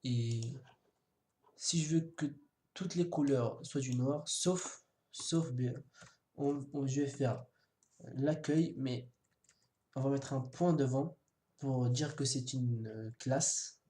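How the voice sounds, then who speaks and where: A man's voice: mid-range voice, slow pace, pauses often, dark tone. A man giving a casual coding tutorial, hesitant, with many fillers and restarts, now and then joking about himself. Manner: jokes self-mockingly. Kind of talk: screen-recorded coding tutorial. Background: keyboard typing and mouse clicks.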